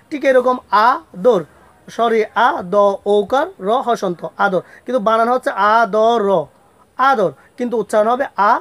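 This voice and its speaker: Male teacher, patient step-by-step pronunciation lesson, repeats and quizzes himself. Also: high voice. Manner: slow, repetitive, asks and answers own questions; spells out letters one by one. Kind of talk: spoken grammar lesson.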